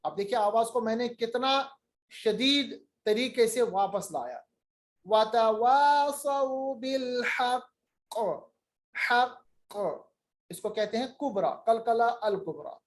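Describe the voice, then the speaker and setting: A man with a fairly high voice gives a recitation lesson at an unhurried pace. He chants each example word long and emphatically, repeats it, then explains it in a patient teaching tone.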